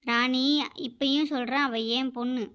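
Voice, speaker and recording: A woman's voice: sits high, little pitch movement, moderate pace, a bit bright. A woman voicing a stern, proud old grandmother in a cartoon who defends her family in a firm, scolding way. The recording is dull and lo-fi. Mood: indignant. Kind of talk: animated cartoon dialogue. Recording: dull lo-fi audio.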